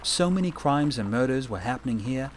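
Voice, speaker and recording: A man's voice: mid-range voice, expressive, a little fast, slight background noise, natural voice. A man voicing an easygoing dog that narrates a road trip, in a chatty, playful documentary narration. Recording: music underneath.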